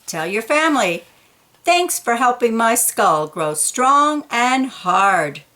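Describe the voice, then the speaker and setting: A woman whose voice runs somewhat high reads a picture book for children aloud. Her reading is deliberate and expressive, and she lands on key words playfully.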